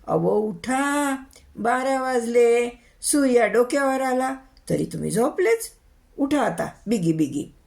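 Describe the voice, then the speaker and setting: A woman voicing a rustic village wife with a Varhadi Marathi accent, calling out in slow, drawn-out pleas. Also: medium pitch, lively intonation, creaky, a little mellow, full character voice. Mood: pleading. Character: rustic village wife, worried then wailing.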